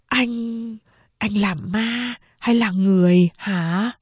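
A woman's voice: mid-range voice, very slow, a little mellow, husky, dry recording. A woman voicing an anxious old grandmother who urges and pleads fretfully. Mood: frantic. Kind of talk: audiobook character reading.

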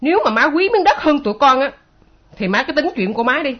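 Actress as a sharp, curt young wife, high voice, lo-fi. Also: female voice, animated, fast. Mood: bitter. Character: bitter, headstrong young wife. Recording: dull lo-fi recording.

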